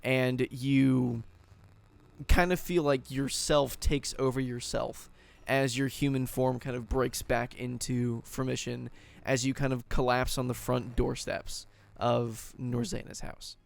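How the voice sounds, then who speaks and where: A man's voice: medium pitch, little pitch movement, takes it slowly, creaky. A man narrating a tabletop game as game master, loose and full of fillers.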